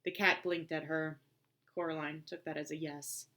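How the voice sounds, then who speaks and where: A woman reading a storybook aloud in a measured storytelling manner. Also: deep voice, level tone, sharp tone. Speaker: audiobook reader. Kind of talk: scripted narration.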